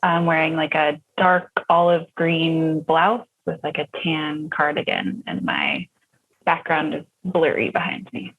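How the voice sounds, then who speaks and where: Woman guest, very slow hesitant speech, muffled lo-fi call audio. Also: sits low, expressive. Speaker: podcast guest, co-producer. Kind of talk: casual interview talk.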